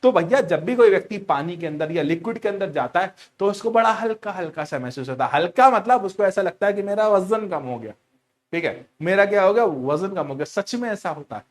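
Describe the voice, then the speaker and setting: A high-voiced male teacher gives a lively lesson, telling stories and teasing his students. He asks questions and repeats key words back, so the talk bounces along. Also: fairly quick. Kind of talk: lively storytelling lecture.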